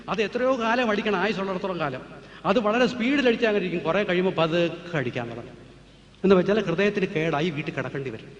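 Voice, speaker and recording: A man giving a public talk on natural healing, lecturing with emphatic rhetorical questions while answering audience questions. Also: high voice. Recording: echoey hall, dull lo-fi with faint noise.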